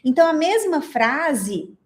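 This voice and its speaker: A fairly high-voiced Brazilian woman leads a live online class. She speaks expressively and keeps turning to her audience with questions about what they write in the chat. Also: sing-song, measured pace, darkish tone. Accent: Brazilian Portuguese. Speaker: instructor.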